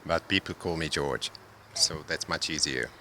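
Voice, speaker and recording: A man's voice: rumbling low, moderate pace, pushed and bright, slight background noise. A man from Hungary, answering interview questions about a public art project, hesitating often with fillers. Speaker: interviewee, solar art creator.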